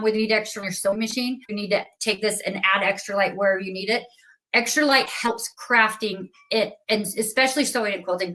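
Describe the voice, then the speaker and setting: A woman's voice: on the high side, bright, forceful tone. A woman hosting a live craft sales stream, chatty and upbeat, giving away prizes and reading out winners. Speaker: livestream host for a craft company.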